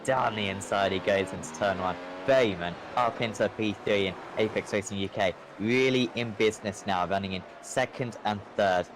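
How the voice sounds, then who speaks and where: A man commentating live on a sim race as a motorsport commentator, with an excitable play-by-play delivery that lifts with the action. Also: lowish voice, normal speed, few pauses. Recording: clear engine noise behind. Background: race car engines.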